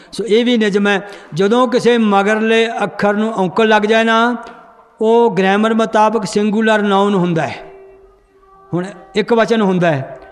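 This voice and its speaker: A man teaching a recitation class in a large hall, quizzing the students and correcting how they read. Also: high-pitched. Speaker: scripture pronunciation teacher. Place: large hall with a seated congregation. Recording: long hall reverb.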